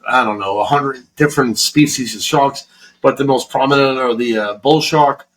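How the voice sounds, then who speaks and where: A man's voice: medium pitch, moderate pace, fairly bright tone, rough recording. A man from Florida co-hosting a podcast, rambling through a casual chat in a heavily profane, restart-filled way. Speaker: podcast co-host.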